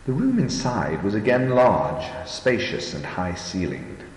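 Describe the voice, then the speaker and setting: A man, the author, reading his own novella aloud in first-person audiobook narration, in a measured, steady way. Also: lowish voice. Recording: roomy echo, long reverb, faint hiss.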